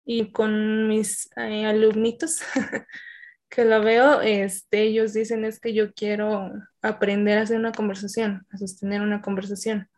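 A woman's voice: medium pitch, little pitch movement, unhurried, darkish tone. A woman, an English teacher, explaining at length in a casual interview with many fillers.

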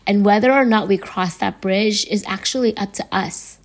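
Woman, hoarse from laryngitis, raspy voice, earnest faith podcast host, casual chat. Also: mid-range voice, normal speed. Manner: earnest, conversational teaching.

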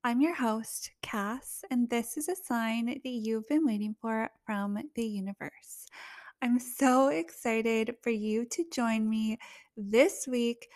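Slow, gushing woman podcast host. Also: fairly high pitch, no echo, studio quality. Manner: gushing and emotional, with soft laughs and fillers. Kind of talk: casual heartfelt monologue.

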